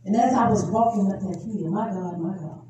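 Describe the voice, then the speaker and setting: A woman preaching a testimony sermon, moving from low storytelling to loud, emotional preaching. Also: a little fast. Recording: echoey room from far off, background noise.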